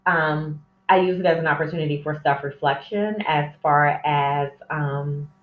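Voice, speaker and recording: A woman's voice: deep voice, unhurried. A woman hosting a casual, candid solo podcast, rambling and easily sidetracked, heard from a distance on a phone microphone. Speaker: podcast host. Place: indoor room with plants. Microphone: cell phone set away from her, distant. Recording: echoey room, distant phone mic, dull sound.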